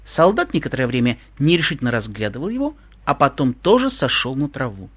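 A man narrating a story in an expressive, animated way. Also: mid-range voice, brisk, slightly rough.

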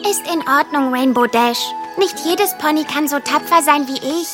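Woman as a very high, earnest little pony. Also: moderate pace, natural voice. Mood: proud. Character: gentle but firm young female pony. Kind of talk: children's cartoon audio play. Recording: music underneath.

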